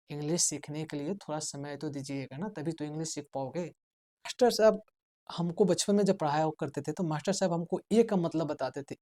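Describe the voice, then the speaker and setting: A man's voice: fairly high pitch, warm tone. A male spoken English teacher giving a classroom lesson, asking the class questions, answering them himself and repeating the key words. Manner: urges students to write things down.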